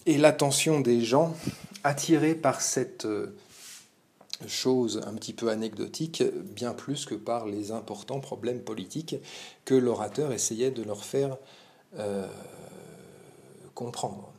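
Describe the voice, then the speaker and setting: A man's voice: medium pitch, a little slow, darkish tone, a little hiss or hum. Hesitant man explaining a poem. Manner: hesitant, many fillers and verbal tics. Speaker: literature teacher. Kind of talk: spoken text commentary lesson.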